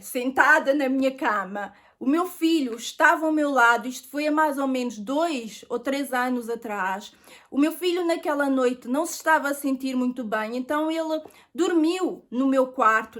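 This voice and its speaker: A woman's voice: high-pitched, fairly bright tone. A middle-aged woman with a European Portuguese accent, telling an earnest personal faith testimony and addressing viewers as friends.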